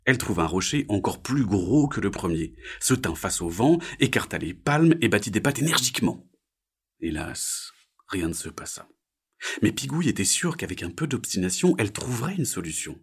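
Husky man reading a children's tale. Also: on the low side, brisk. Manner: expressive, gentle. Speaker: storyteller.

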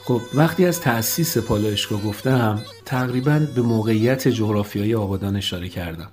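A male podcast host reads calm, scripted narration, now and then adding personal asides. His voice sits fairly low.

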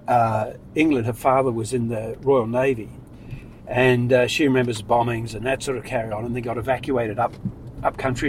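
A middle-aged man answers questions from the passenger seat in a measured, thoughtful way, and his voice sits in a middle pitch. His phrases often fade to a quiet close. A faint hum of the moving car runs underneath. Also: low-quality recording. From Sri Lanka, raised in New Zealand. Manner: reflective, measured, trailing off quietly. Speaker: interview guest. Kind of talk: casual interview in a car. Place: inside a car. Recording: faint road noise.

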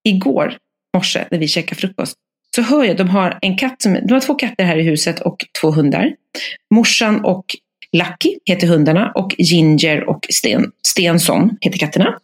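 Animated Swedish-speaking woman telling stories. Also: lowish voice. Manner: lively storyteller, acts out voices in anecdotes. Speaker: podcast co-host. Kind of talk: casual podcast chat.

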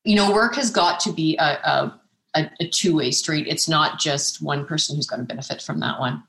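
A woman's voice: low voice, moderate pace, creaky, a bit bright, echoey room, low-quality recording. A woman physician answering interview questions earnestly, often with restarts and a questioning "right?". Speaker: naturopathic physician guest.

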